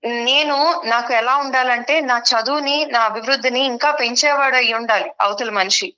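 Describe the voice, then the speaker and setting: Bright high young woman, firm. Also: normal speed, muffled recording. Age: young adult. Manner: firm, lecturing, defends her choices. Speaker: guest on a relationship talk show.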